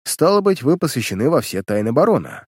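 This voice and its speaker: A hard-edged male detective from an old pulp audiobook, snapping short commanding questions, as a man reading the story puts him on. His pitch moves a lot, and the voice sits close and dry with no room around it. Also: big pitch swings, brisk, a little mellow, slightly rough, no room sound. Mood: stern.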